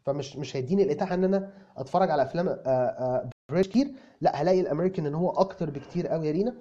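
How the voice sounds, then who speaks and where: Mr Omar, a rapid-fire Egyptian tutor, as a man plays him. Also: fairly high pitch, dark tone, natural voice. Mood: breezy, explaining. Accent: Egyptian Arabic. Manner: stammering restarts, explains with repeated examples. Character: self-assured young male Egyptian English tutor. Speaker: English tutor answering viewer comments. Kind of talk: comic video lesson. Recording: dull lo-fi recording.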